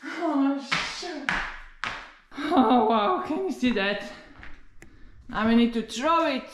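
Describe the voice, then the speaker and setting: A woman's voice: sits high, animated, takes it slowly, slight background noise. A Slovenian woman, a native Slovene speaker, chattily talking herself through her chores in casual English self-narration, with frequent exclamations. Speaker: vlogger narrating her own home projects.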